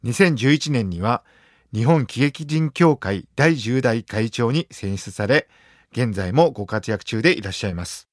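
A man's voice: medium pitch, expressive, a little slow, no echo. A man hosting a studio interview, courteous and attentive, reading out the guest's profile. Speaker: interview host.

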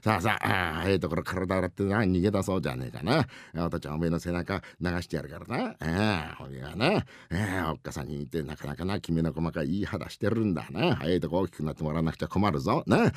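Male rakugo teller voicing a bumbling Edo husband, gruff slang, dry close sound. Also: lowish voice, a little mellow, no echo. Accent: Edo Tokyo downtown speech. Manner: gruff, blustering, rough slang. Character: hasty, bumbling working-class Edo husband. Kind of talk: rakugo storytelling.

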